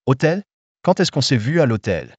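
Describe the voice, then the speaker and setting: A man's voice: medium pitch, sing-song, normal speed, a little mellow, husky, no room sound, dull audio. An actor dubbing an arrogant, short-tempered rich young man in a drama series, curt and scornful. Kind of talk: French dub of a drama series.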